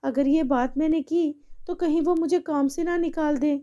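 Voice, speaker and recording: A woman's voice: high voice, fairly even intonation, moderate pace, warm tone, lo-fi sound, close to an everyday voice. A woman voicing a poor, humble maid and mother who speaks pleadingly in a cartoon story.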